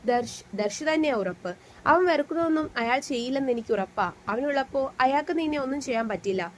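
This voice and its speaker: A woman's voice: sits high, expressive, fairly quick, slight background noise. A woman voicing a young man who acts as a protective elder-brother confidant, speaking earnestly and reassuringly in a storybook reading. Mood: confiding.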